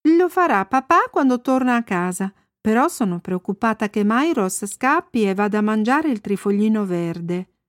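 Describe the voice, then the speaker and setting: A woman voicing a gentle, worried mother who explains things calmly in a story. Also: medium pitch, normal speed, no echo, clean studio sound, natural voice. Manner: calm, careful explaining.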